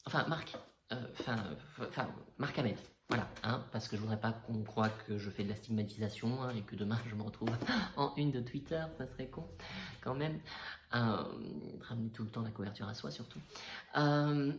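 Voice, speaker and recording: A man who is a coach, talking in a loose, joking monologue and poking fun at himself. His voice is mid-pitched and sounds roomy and echoey. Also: moderate pace, noisy background. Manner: joking, self-mocking, lots of fillers and restarts. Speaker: NLP coach. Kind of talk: casual comic monologue.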